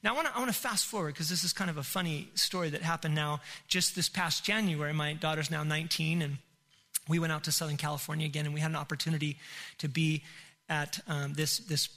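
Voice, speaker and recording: A middle-aged man preaching and telling a family story, acting it out with big swings from loud to hushed. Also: a little high, steady tone, fast. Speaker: pastor. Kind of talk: sermon storytelling. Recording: long hall reverb.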